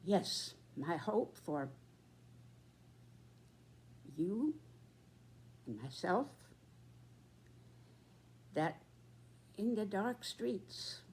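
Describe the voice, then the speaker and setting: A woman in her nineties giving a reflective, earnest address in short, halting phrases. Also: medium pitch, animated, darkish tone. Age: 90s. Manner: very old person's slow, halting delivery in short phrases.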